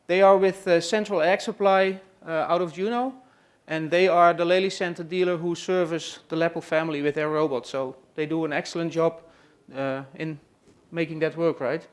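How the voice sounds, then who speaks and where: In a room at a trade expo, a Dutch man from the Netherlands hosts a farm tour session and introduces his guests to the audience. His voice sits higher than most men's and keeps a steady tone. He hesitates often, pausing and leaning on fillers like "uh" and "let's say."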